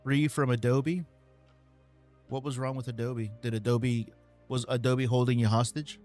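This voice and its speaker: A man hosting a casual live stream, answering viewer questions in a relaxed way with many ums and uhs. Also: medium pitch, normal speed, faint music behind.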